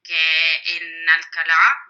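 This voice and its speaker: A native Italian speaker with an Italian accent answers interview questions as an author, thoughtful and full of hesitations and fillers. Her voice is low, monotone and sharp, and she talks very slowly. The audio is muffled.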